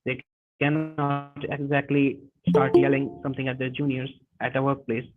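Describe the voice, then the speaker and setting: A man presenting a webinar lesson, talking haltingly with frequent restarts and self-corrections. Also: medium pitch, flat delivery, music in the background. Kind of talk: lecture on workplace communication. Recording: tinny phone-like webinar audio.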